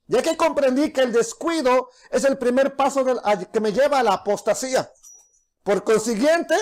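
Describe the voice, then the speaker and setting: A middle-aged man preaching a sermon to his congregation, often slipping into soft, low voices to act out the people he quotes. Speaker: pastor.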